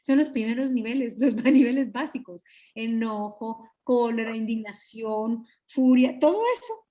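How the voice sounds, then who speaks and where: A woman's voice: a little high, a little slow, dark tone. Earnest woman teaching a Bible study. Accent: Guatemalan Spanish. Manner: earnest, confiding, acts out quoted dialogue; clears throat often. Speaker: pastor's wife leading a Bible study. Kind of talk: Bible study teaching over video call. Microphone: video call.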